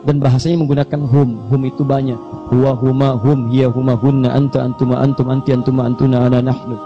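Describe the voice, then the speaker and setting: A man preaching a sermon, swinging between high urgent appeals and hushed low prayers. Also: level tone, fairly quick, highs cut off, music in the background.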